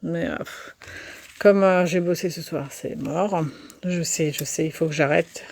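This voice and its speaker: A middle-aged woman talks through her knitting and embroidery projects in a relaxed, chatty vlog style. She pokes fun at herself and fills her sentences with hesitations. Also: fairly low pitch, a little slow, creaky. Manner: chatty, self-mocking, many fillers. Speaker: vlogger. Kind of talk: casual crafting vlog chat.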